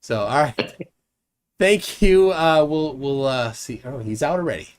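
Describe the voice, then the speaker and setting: Hosting a casual late-night call-in show, a man with a Minnesotan accent rambles, chuckles, and keeps interrupting and restarting his own sentences. His mid-range voice is animated but a little slow.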